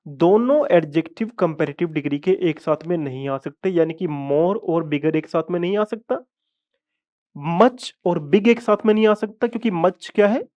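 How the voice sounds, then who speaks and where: A man teaching a live online English grammar class, explaining step by step, repeating words slowly and asking his students whether they follow. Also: sits high, mellow. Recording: dull lo-fi audio.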